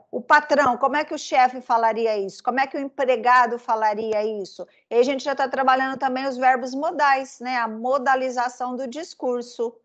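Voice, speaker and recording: A woman's voice: a little high, highs cut off. A woman with a Brazilian Portuguese accent teaching an online class, explaining patiently with many fillers.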